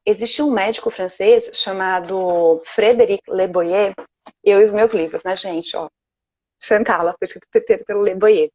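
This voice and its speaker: On a live video call, a sleep consultant with a Brazilian Portuguese accent speaks gently and reassuringly. Her mid-range voice keeps a normal pace, and the recording is dry.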